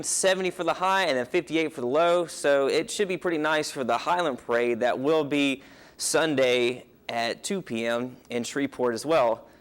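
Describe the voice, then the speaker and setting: A young weatherman runs through the forecast in a relaxed, informal way. His voice sits a little high for a man. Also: smooth. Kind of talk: weather report.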